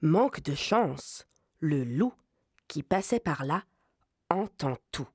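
A woman narrating a children's fairy tale in a scripted audio series, switching to high voices for the little goats. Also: slow, husky, dry recording, clean studio sound. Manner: expressive, playing small voices high. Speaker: storyteller.

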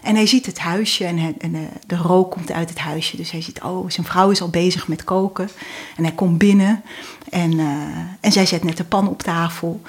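A woman guest telling a fairy tale in a relaxed, hesitant way with many fillers. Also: fairly low pitch, moderate pace. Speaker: guest storyteller.

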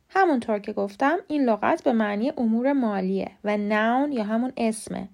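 A Persian-speaking woman hosting a short podcast lesson, reading from a script in a clear, careful way and spelling out words letter by letter. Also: on the high side, a little mellow. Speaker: podcast host and English teacher.

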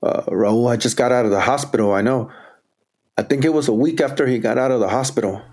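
A man's voice: medium pitch, fast, darkish tone, close to an everyday voice. A male actor playing a murder defendant on the stand, giving plain, hesitant testimony in a subdued way. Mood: subdued, matter-of-fact. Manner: hesitant, plain short answers. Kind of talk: re-enacted testimony from transcript.

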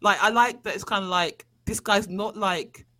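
A man, co-hosting a casual film chat and retelling scenes in an animated way. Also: high-pitched, moderate pace, poor audio. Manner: animated storytelling, acts out quoted lines. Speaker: podcast co-host.

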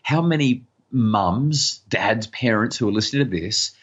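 A man's voice: expressive, a little slow, breathy edge, dull audio. A middle-aged man, a parenting expert, talking earnestly as a podcast guest and often repeating words as he starts sentences. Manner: acts out harried parent voices in higher pitch. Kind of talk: podcast interview conversation.

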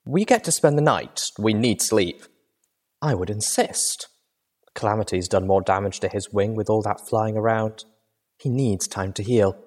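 A refined young mare singer and medic, as a male reader puts her on, soft and quiet with a measured delivery. She speaks a little lower than his narration, gentle and composed. A storybook healer. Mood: calm.

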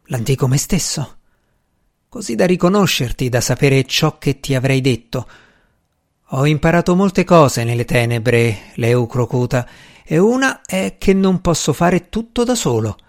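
A man voicing a mad, unkempt male magician who speaks in a slow, hushed, menacing whisper. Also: mid-range voice, expressive. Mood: intense.

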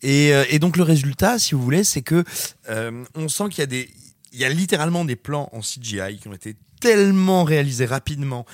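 A man reviewing a film in a casual podcast chat, animated and sarcastic as he mocks it. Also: a little high, fairly quick, no room sound, clean studio sound. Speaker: film critic.

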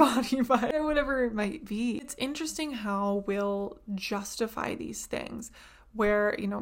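Woman podcast host, casual rambling chat, mid-range voice with gravelly fry. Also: mid-range voice, pushed and bright. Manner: chatty, rambling, lots of "like".

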